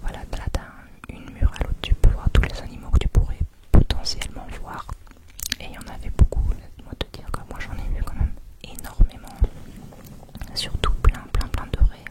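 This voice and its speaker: Woman whispering, quiet at night. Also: normal speed. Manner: chatty, rambling, informal with repeated words. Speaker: vlogger. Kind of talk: whispered ASMR travel vlog narration.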